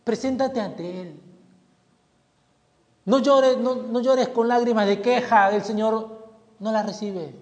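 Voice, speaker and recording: A man preaching a sermon as pastor, impassioned, swelling loud and then dropping low. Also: slow pace, pauses often, muffled recording. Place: church hall. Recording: long hall reverb.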